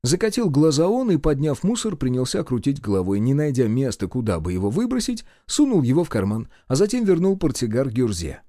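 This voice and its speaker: A man narrating a first-person audiobook in a steady, measured and expressive way. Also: mid-range voice, no echo, clean studio sound.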